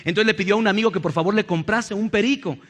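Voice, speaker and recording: A man preaching a lively sermon in a church, acting out little scenes and joking with the congregation. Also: high-pitched, fast. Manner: animated, acts out little scenes and jokes with the congregation. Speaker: pastor.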